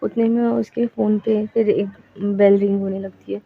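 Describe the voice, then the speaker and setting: A woman tells a story in a relaxed, chatty way, slipping into each character's lines without much change in her own voice. Her tone is gravelly and stays level in pitch. The sound is thin and boxy, as if heard down a phone line. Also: normal speed. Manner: retells dialogue in a chatty, conversational way. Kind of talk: casual spoken storytelling.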